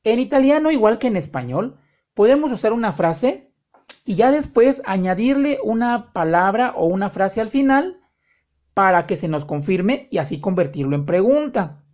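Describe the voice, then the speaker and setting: A woman's voice: medium pitch, lively intonation, a little mellow, lo-fi sound. Woman teaching a language lesson. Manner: slow, drawn-out example sentences, friendly direct address. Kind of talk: online lesson explaining grammar.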